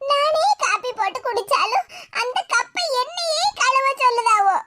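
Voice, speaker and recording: A woman's voice: very high voice, animated, moderate pace. Woman doing a whiny young cartoon daughter. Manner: whining, complaining. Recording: loud background hiss.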